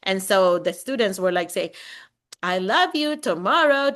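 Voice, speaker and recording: A woman's voice: mid-range voice, a little slow. A woman from the Philippines, a teacher, chatting casually on a video call, telling stories with frequent laughter. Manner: chatty, laughs often, animated storytelling. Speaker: teacher and session leader.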